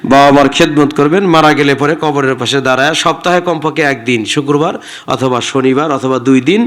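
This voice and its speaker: A man's voice: mid-range voice, fairly bright tone. A man with a Rangpur Bengali accent preaching a tearful, emotional sermon, calling out questions to the crowd. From Bangladesh. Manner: addresses the crowd with questions, breaks into slow sung verses.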